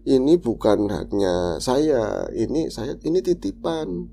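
A man voicing a gentle, forgiving older male mosque imam who speaks in a calm, reassuring way. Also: mid-range voice, takes it slowly, gravelly, slight background noise, full character voice. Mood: kindly.

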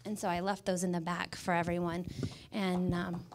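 A middle-aged American image consultant appears as a guest presenter, delivering a motivational talk at a moderate pace with a fairly low voice and little pitch movement. Holding a handheld mic on an indoor stage in a dark event room, she stresses points by emphatically repeating words, with slight background noise.

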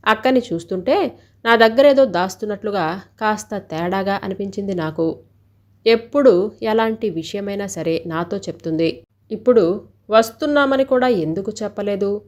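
A woman reading a scripted first-person story in a steady, even storytelling delivery. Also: mid-range voice, moderate pace.

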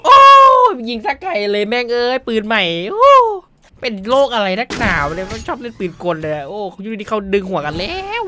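A man giving excited, brash gameplay commentary, trash-talking opponents and repeating phrases. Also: high-pitched, brisk, soft background music. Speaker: gaming streamer.

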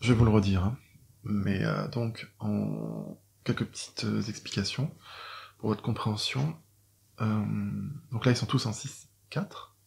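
A man's voice: lowish voice, creaky, darkish tone. A middle-aged French man, a doctor and poet, explaining to viewers how he writes classic Chinese verse, hesitant with many fillers and restarts. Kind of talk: explaining poetry writing to viewers.

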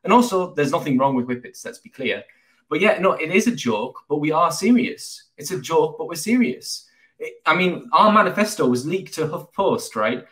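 A man's voice: on the high side, lively intonation, normal speed, a bit bright. Earnest, rambling man on a video call. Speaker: guest, party founder. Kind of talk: video-call political interview. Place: small room indoors. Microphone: headphones on a video call.

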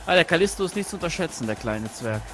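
Excitable man yelling over a game. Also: fairly high pitch, fast, over music. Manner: shouts and groans at the game, teasing banter. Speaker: let's play co-host. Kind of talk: excitable gaming commentary.

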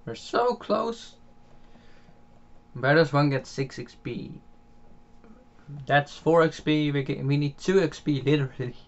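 A man's voice: on the high side, fairly even intonation, moderate pace, highs cut off. Rambling Dutch-accented young man gaming. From Netherlands. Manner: rambling, many fillers and restarts, chuckles often. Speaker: gaming channel host. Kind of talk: casual gameplay commentary. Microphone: home microphone.

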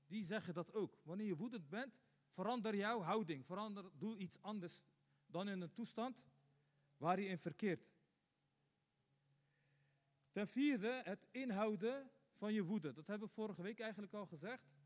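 High-voiced man preaching in reverberant mosque. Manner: rhetorical questions, emphatic repetition. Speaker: imam. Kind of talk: Friday sermon. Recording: long hall reverb.

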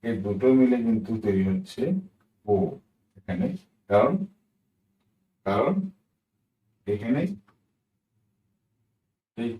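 A man's voice: fairly low pitch, reverberant, recorded from a distance, lo-fi sound. A man teaching English pronunciation, who spells words out letter by letter and keeps checking with "right?". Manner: repeats words slowly, asks "right?" often. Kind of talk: explaining a lesson, spelling out words.

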